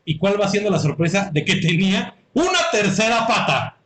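Animated high-pitched Mexican man. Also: normal speed. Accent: Mexican Spanish. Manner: animated, laughs often, reads aloud with playful voices. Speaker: podcast host reading listener stories. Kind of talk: casual comedic chat.

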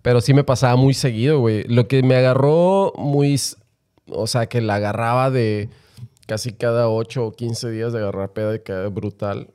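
A man's voice: medium pitch, steady tone, moderate pace, mellow, smooth. A man with a Mexican accent, co-hosting a podcast, telling a crude story in casual, slangy talk with lots of laughing. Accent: Mexican Spanish. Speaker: podcast co-host. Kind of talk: casual chat.

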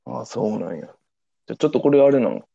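A man's voice: medium pitch, expressive, quick pace, creaky, mellow, no echo, highs cut off. A young man with a Kansai accent co-hosting a casual podcast, teasing and laughing often. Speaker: podcast co-host. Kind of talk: casual chat.

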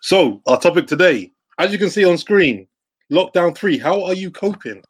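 Husky young London roadman podcast host. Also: sits high, expressive, normal speed. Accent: London, urban roadman slang. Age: young adult. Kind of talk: casual group banter and hosting. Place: indoors at home, on a laptop video call.

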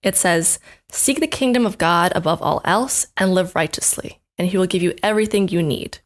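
Young woman, casual faith chat, animated storyteller, laughs often. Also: on the low side, normal speed. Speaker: guest sharing testimony.

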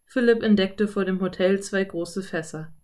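A woman narrating a children's audiobook in a calm, clear storytelling voice. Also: mid-range voice, normal speed.

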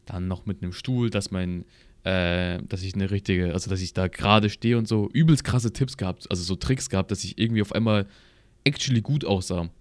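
A man's voice: low-pitched, fairly quick, no echo. Slangy young man telling a rambling story. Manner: slangy, rambling anecdote with acted-out quotes. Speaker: podcast co-host. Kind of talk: casual chat, storytelling. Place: at his home computer.

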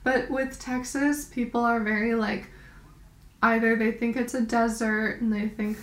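A woman's voice: a little high, level tone, a little slow. Chatty young woman in an echoey room. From New York. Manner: chatty, talks with filler likes. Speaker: podcast co-host. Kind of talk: casual chat.

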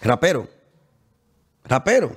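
A young man with a Dominican accent, a musician talking in a casual interview, animated and boastful, often talking over the host. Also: mid-range voice, takes it slowly, husky.

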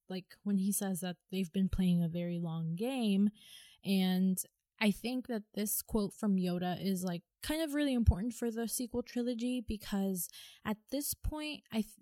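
A young woman co-hosts a casual fan podcast, talking in a loose, rambling way full of fillers and self-corrections. Her voice is mellow and soft-edged, recorded dry with no room sound. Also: mid-range voice, no echo. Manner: rambling, many fillers and restarts. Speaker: podcast co-host.

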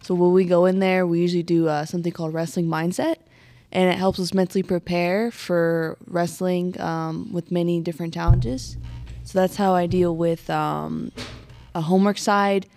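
A young woman from Colorado, a student wrestler, answering interview questions hesitantly with many pauses. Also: lowish voice, flat delivery, darkish tone. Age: young adult. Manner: hesitant, thoughtful, many ums.

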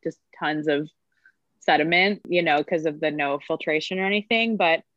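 A woman's voice: low-pitched, moderate pace, fairly bright tone, no echo, dull audio. A woman sommelier chatting casually on a podcast, full of fillers and easy laughs. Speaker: sommelier guest.

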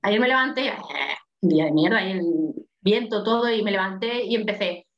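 Woman, strong voice, expressive chat, dull lo-fi roomy recording. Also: medium pitch, brisk. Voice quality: strong, loud voice. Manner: expressive, thinking aloud with restarts. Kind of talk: casual group discussion. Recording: echoey, dull lo-fi sound.

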